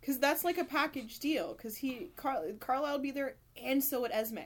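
Woman, slightly high voice, podcast co-host, laughs a lot, swears, casual. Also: moderate pace. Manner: laughs often, swears, enthusiastic. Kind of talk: casual chat.

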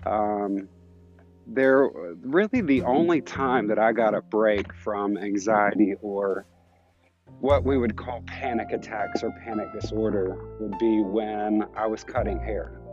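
A podcast host in his thirties tells a personal story while out on a walk, his voice low-ish, unhurried and darkish. He's candid and reflective, restarts often, and sounds slightly out of breath. The highs are cut off, with soft music in the background.

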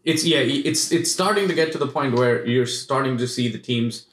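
A man's voice: medium pitch, moderate pace. A man co-hosting a casual sports podcast, teasing and sarcastic. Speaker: podcast co-host. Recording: echoey room.

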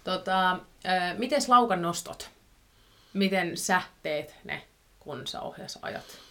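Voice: medium pitch, expressive, pushed and bright. An interviewer in a casual chat who mostly gives short agreeing replies and asks brief questions.

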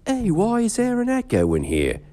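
A man's voice: sits high, wildly swooping pitch, moderate pace, mellow. A man hosting a children's bedtime story show, his playful words repeated and fading away through a digital echo effect. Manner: playful, goofy sing-song delivery.

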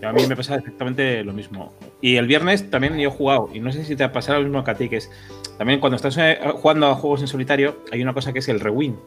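A man's voice: mid-range voice, fast, a bit bright, faint music behind. A man with a Spanish accent from Spain hosting a casual board game chat over a video call, joking and acting out quotes. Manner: joking, laughing, acts out quotes. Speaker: podcast host.

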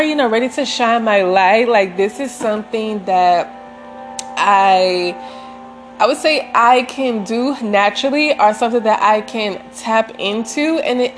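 A woman chatting casually and unscripted to viewers in a reflective, meandering, gently self-affirming way, as a vlogger does. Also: on the high side. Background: soft sentimental music.

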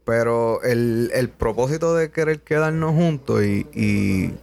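A man's voice: mid-range voice, measured pace, vocal fry, a little mellow. A young man hosting a podcast, talking casually and earnestly, peppering his speech with swearing. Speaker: podcast host. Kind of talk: casual conversation.

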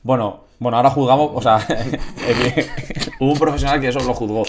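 A man tells a funny family story on a podcast. He talks casually and animatedly, jumping into other people's voices as he quotes them. His voice sits at an ordinary pitch. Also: normal speed, noisy background. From Spain. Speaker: podcast co-host.

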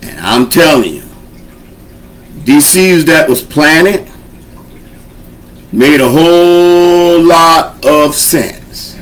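A man on his show preaches in an informal, folksy, conversational sermon, urging listeners along with call-and-response encouragement. His fairly high voice is expressive and extremely slow, with frequent pauses.

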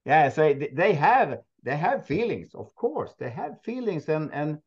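A Swedish man who owns a moose park, speaking halting, non-native English with many restarts and frequent laughs in a casual interview. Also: on the high side, big pitch swings, breathy edge, dull audio. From Sweden. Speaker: moose park owner, guest.

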